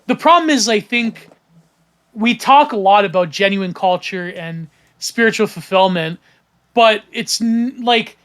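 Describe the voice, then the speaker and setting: A man's voice: high-pitched, unhurried, fairly bright tone, clean tone. A man from Canada, hosting a casual podcast chat, rambling with many fillers and restarts. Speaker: podcast host.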